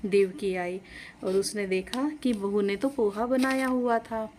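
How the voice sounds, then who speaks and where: A woman storyteller giving a scripted storybook narration in a steady, expressive way. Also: mid-range voice, unhurried, a little hiss or hum.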